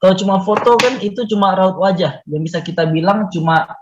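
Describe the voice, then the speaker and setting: Heard over a muffled video call with a noisy background, a high-voiced man talks briskly. He's the guest poet and mountain climber at an online community meeting, reflective and sincere, with frequent fillers.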